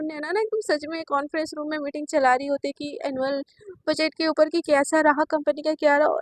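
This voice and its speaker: Woman rambling through a love story, super high voice, dry sound. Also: no room sound. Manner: chatty, filler-heavy retelling. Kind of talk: casual spoken storytelling.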